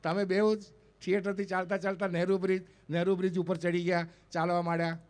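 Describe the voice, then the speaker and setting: A man's voice: sits high, fast. A man in his fifties from North Gujarat, with a North Gujarati accent, telling comic stories on stage and acting out the people in them. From North Gujarat, India. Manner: animated, acts out the dialogue of people in his stories. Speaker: stand-up comedian and mimicry artist. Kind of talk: live comic storytelling on stage. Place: event stage before an audience.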